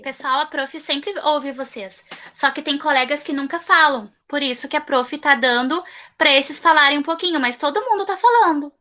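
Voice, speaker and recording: Brazilian woman teacher, high and bright, patient and encouraging with small kids on a video call. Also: muffled recording. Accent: Brazilian Portuguese. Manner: patient, repeats each answer slowly and praises. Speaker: primary school teacher. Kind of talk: online class with young children. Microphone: computer mic on a video call.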